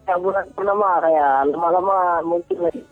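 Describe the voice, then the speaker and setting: A man calling in to a radio show, giving short, halting answers while his phone line keeps breaking up. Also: sits high, steady tone, dry recording, soft background music. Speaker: caller. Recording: tinny, choppy phone line.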